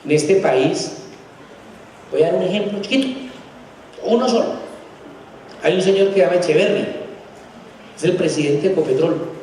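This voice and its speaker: A middle-aged man with a Bogotá Colombian Spanish accent giving a conference lecture, emphatic and sarcastic, his pitch jumping up to stress points. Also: moderate pace, pauses often, warm tone, slight background noise. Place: large hall. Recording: echoey hall from far off.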